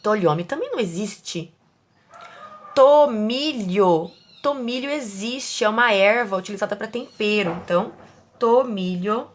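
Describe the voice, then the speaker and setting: A woman teacher speaking slowly and carefully, sounding out words syllable by syllable for young pupils and asking them questions. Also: mid-range voice, a little hiss or hum. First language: Portuguese. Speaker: primary school teacher. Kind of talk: slow, careful classroom instruction.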